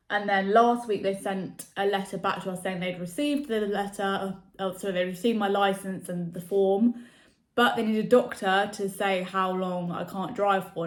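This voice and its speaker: A young adult woman chats casually to camera, rambling and full of fillers. Her mid-range voice rings off an echoey room. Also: mid-range voice. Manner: chatty, rambling, many fillers. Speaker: vlogger.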